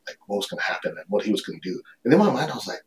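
A man's voice: medium pitch, very animated, very fast. A man, a coach and podcast guest, telling a self-assured story in casual chat. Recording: distant mic with faint noise.

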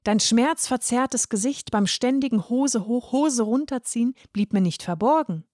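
A woman reading a storybook, voicing a calm, elegant woman who speaks slowly and reassuringly. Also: fairly high pitch, dry recording, studio quality, close to an everyday voice.

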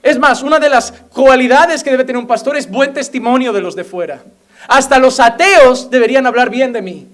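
A man's voice: extremely high pitch, moderate pace. A young man preaching a fervent sermon as a pastor, often mimicking the voices of imagined people. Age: young adult.

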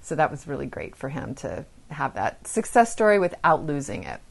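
A middle-aged woman hosting a podcast, telling parenting stories in a calm, earnest way. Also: deep voice, moderate pace, gravelly. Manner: calm, earnest storytelling with acted quotes. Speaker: podcast host.

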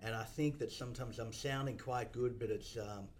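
A man's voice: mid-range voice, steady tone, moderate pace, a little hiss or hum. A man, a dealership boss, chatting reflectively on a podcast with lots of ums and restarts. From Australia. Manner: reflective, many fillers and restarts. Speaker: podcast guest, car dealership principal. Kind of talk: casual podcast chat.

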